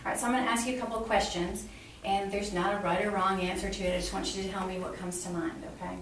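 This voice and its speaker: A middle-aged nursing instructor talks fast and steadily at a medium pitch while demonstrating a clinical exam, explaining each step to the patient. The room is small and block-walled, and the camera recording from a few feet away sounds roomy and distant, with a little noise.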